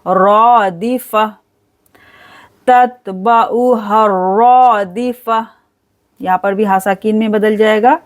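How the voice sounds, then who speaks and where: A woman teaching Quran recitation step by step, spelling out letters and then reciting each word slowly and drawn out. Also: medium pitch, fairly even intonation.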